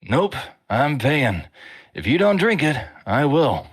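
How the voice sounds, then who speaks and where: A man's voice: mid-range voice, big pitch swings, slow pace, breathy edge, exaggerated voice. A man voicing a friendly, boisterous male wizard who is drunk, with tipsy, slurred banter in a story reading. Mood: wry.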